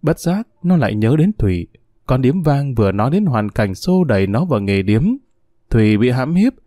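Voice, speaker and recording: A man narrating an audiobook in an expressive storytelling voice. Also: mid-range voice, normal speed, dry recording, clean studio sound.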